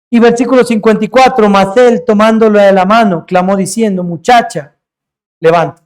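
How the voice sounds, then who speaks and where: A man preaching in a fairly high voice, earnest and emphatic as he works through a scripture passage. He stretches out important words and lets his voice fall away at the ends of points. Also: darkish tone. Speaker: pastor. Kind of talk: sermon.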